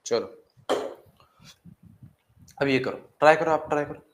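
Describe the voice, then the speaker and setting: This chemistry teacher speaks at a measured pace in a fairly high voice, with slight background noise behind him. In class he calls students "beta," asks questions and repeats their replies, and drills through key steps, repeating the key words.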